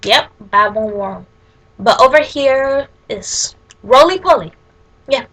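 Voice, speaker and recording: A woman from Liberia with a Liberian accent, chatting casually as she answers questions, often halting and correcting herself mid-sentence. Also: high-pitched, lively intonation, fairly bright tone.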